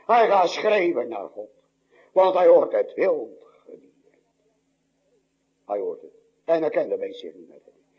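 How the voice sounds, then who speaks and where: Older Dutch pastor preaching dramatically. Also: male voice, very animated, a little slow, pauses often, husky, lo-fi sound. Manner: dramatic preaching, swinging between loud high cries and low hushed lines. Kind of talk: sermon.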